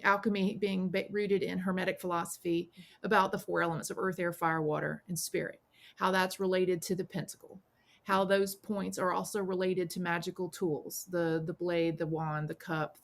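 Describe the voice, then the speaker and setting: Woman, forties, podcast guest, lively storyteller who acts out quoted voices. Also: lowish voice. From South Carolina, US. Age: 40s. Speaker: podcast guest, witch and priestess. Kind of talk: casual storytelling interview.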